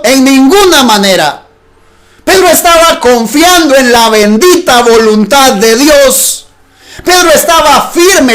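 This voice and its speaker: High-voiced male preacher, emphatic. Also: a bit bright. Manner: emphatic, rhetorical questions to listeners. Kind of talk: sermon.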